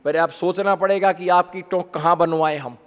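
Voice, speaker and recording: A man's voice: high-pitched, fairly even intonation, moderate pace, clean tone. A man, a Jain monk, giving a conversational sermon full of rhetorical questions to his listeners. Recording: long hall reverb.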